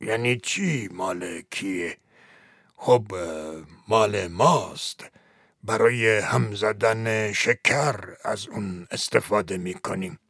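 A man voicing a meek, rambling old male chief in an audiobook, with a gravelly, husky voice and a hesitant, drawn-out delivery. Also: fairly low pitch, a bit bright, no echo, clean studio sound, pitched below the performer's own voice. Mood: sheepish. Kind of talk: audiobook character voice.

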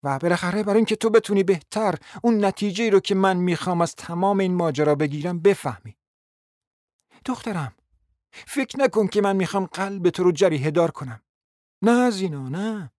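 Man voicing a scheming middle-aged mother, high-pitched, pleading, insistent, long-winded, radio drama, dry close sound. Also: a little mellow, no room sound, lightly acted.

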